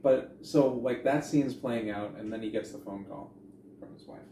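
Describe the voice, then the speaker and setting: A man's voice: fairly low pitch, moderate pace, mellow. A man co-hosting a podcast, chatting casually and profanely about a horror movie, retelling scenes. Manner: rambling, profane, retells scenes in quoted voices. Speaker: podcast co-host. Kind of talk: casual movie review chat. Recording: echoey room, distant from mic, faint noise.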